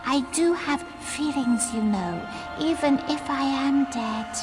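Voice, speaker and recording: A woman's voice: high voice, slow, over music. A woman playing a touchy, self-pitying ghost girl in a video game, plaintive and whiny. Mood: aggrieved.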